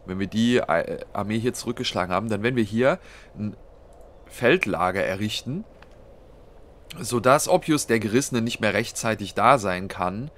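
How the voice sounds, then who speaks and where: Slight background noise accompanies this casual gameplay commentary from a let's play host who has a cold. He has a lowish, fairly bright voice at a normal speed, and he works through a strategy game out loud, plotting each move with many fillers.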